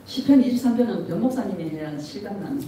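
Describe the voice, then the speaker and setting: A middle-aged woman pastor preaching an animated sermon, laughing often and asking the congregation questions. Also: medium pitch, fast, noisy background. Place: church sanctuary. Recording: echoey church from a distance.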